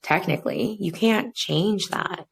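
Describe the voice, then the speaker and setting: A woman's voice: mid-range voice, unhurried, creaky, breathy edge. A woman in her thirties co-hosting a podcast, talking reflectively in a casual way with many fillers. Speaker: podcast co-host.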